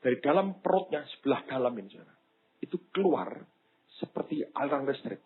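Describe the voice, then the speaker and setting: A man's voice: mid-range voice, expressive, brisk. A man preaching a sermon in with a touch, telling a story and acting out the people he quotes. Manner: storytelling, acts out the people he quotes, addresses the congregation as "saudara". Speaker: pastor. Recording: tinny phone-like sound.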